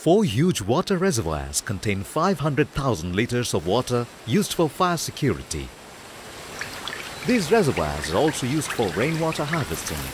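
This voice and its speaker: A man giving scripted documentary narration in a measured, formal way. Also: medium pitch, huge pitch swings, background noise.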